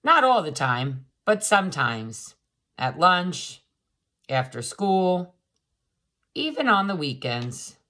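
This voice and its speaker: Slow, low-voiced woman reading a storybook. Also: sing-song, bright, forceful tone. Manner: dramatic, with drawn-out words and pauses. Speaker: storyteller reading a picture book aloud. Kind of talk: expressive children's picture book read-aloud.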